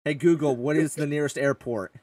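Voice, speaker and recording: A man's voice: fairly high pitch, a little mellow, recorded from a distance. A man hosting a casual gaming podcast, rambling and joking with a lot of swearing. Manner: rambling, swears often, jokey. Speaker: podcast host and streamer. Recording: dry, a bit off-mic.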